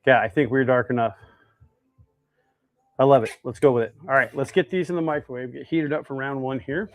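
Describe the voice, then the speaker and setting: A folksy, easygoing American man with a mid-range voice speaks briskly and in a steady tone. He hosts a fishing lure making livestream, thinking aloud as he works and chatting with viewers during a casual live demonstration.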